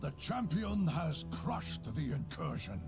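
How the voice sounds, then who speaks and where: A solemn, stately prophet from a fantasy game. He declaims slowly in a gravelly voice, formal and commanding, with music behind him. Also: fairly high pitch, very animated, heavily acted. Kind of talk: fantasy video game dialogue.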